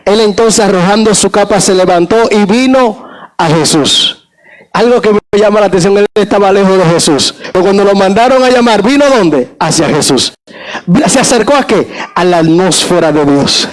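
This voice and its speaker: Male pastor, very high voice, fiery sermon with shouted peaks, radio-like sound. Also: expressive, moderate pace, low-quality recording. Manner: preaching with shouted emphasis and repeated calls to the congregation.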